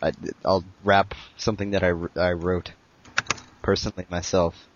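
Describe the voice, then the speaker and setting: A man hosting a casual prank video chat, talking in a deadpan, teasing way. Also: deep voice, normal speed. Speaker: host of random video chats. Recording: dull lo-fi sound with faint noise.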